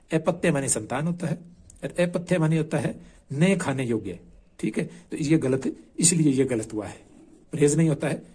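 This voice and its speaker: A man coaching exam candidates talks through a marked answer sheet. His voice sits a little high but sounds mellow and soft. He explains patiently and keeps returning to the same points. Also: breathy edge. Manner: patient, repeats key points, often adds "ठीक है".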